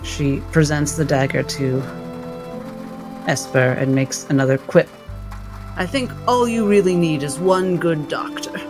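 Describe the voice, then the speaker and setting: A man joins a tabletop roleplaying game as a player, shifting between describing actions and speaking in character. He talks at a measured pace in a fairly high voice, with music clearly audible behind him.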